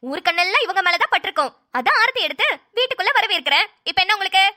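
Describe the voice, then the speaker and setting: A no-nonsense cartoon mother gives orders with fond firmness, as a woman puts her on. Her voice is high and bright, and she talks briskly. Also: expressive, dry recording, clean studio sound, exaggerated voice. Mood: commanding. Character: bossy, caring middle-aged mother-in-law. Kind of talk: cartoon voice acting.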